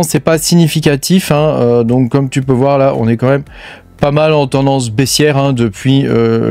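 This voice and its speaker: A man's voice: mid-range voice, darkish tone, dry recording. A man from France giving casual, filler-heavy commentary on crypto news over charts, talking straight to the viewer and swearing bluntly. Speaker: crypto mining YouTuber.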